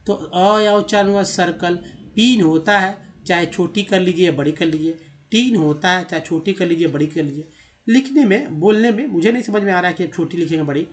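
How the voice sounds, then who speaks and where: High-voiced man drilling pronunciation. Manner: repeats words slowly and drills pronunciation, asking the viewer questions. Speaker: English teacher. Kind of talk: Hindi-language English reading lesson.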